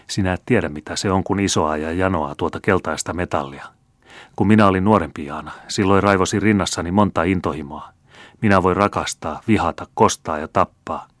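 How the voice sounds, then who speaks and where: A man's voice: sits low, a bit bright, dry recording, studio quality. A male narrator voicing a greedy old man who pleads urgently and obsessively for gold. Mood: grasping.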